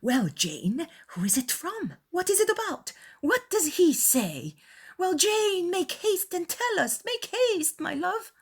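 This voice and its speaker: A woman acting out an excitable, fussy middle-aged mother in a dramatized classic novel, eager and insistent. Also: very high-pitched, slow pace, voice pushed up, heavily acted. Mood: eager, urgent.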